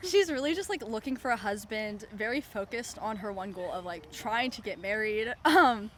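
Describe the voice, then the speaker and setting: A woman's voice: mid-range voice, lively intonation, normal speed, a bit bright, slight background noise. Giggly young woman cast member outdoors. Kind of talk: casual interview answers. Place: outdoor theatre stage.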